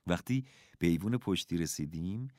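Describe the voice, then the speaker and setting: A man reading a first-person story aloud, expressive and measured. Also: deep voice, no room sound, studio quality. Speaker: audiobook narrator.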